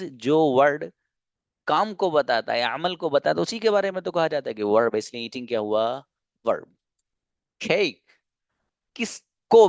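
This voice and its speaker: An English teacher with a slightly high, creaky voice gives a grammar lesson to a class, recorded on dull audio with no room sound. He explains slowly, step by step, posing questions and then answering them himself.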